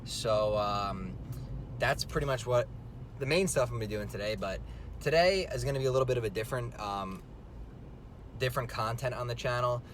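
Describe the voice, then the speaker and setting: Young man vlogging on phone in car. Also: fairly quick. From New Jersey. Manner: rambling, loose, many filler words. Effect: filmed on a phone in a moving car. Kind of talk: casual vlog chat while driving. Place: inside a car on the road. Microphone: phone camera mic. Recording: phone video with loud car rumble. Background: vehicle engine and road rumble.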